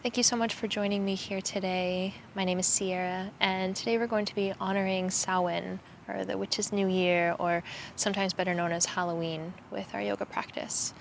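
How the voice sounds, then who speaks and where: A young woman teaching yoga outdoors and guiding a meditation in a calm, soothing, slow manner. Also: mid-range voice, gravelly, a little hiss or hum. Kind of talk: guided yoga and meditation instruction. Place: outdoors in a cemetery.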